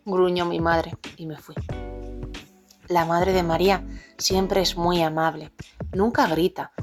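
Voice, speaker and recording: A woman with a slightly low voice reads a children's storybook aloud, animating each character. Her reading is lively and expressive. Music plays behind her. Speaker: podcast co-host. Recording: music playing faintly behind.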